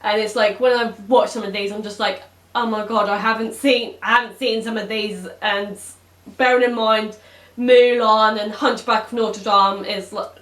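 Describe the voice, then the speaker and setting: A vlogger in her twenties chats to camera at home in a mid-range, fairly bright voice, speaking at normal speed with fairly even intonation. She rambles with lots of ums and corrects herself. The room is echoey, and the audio shifts from a camera mic to a webcam.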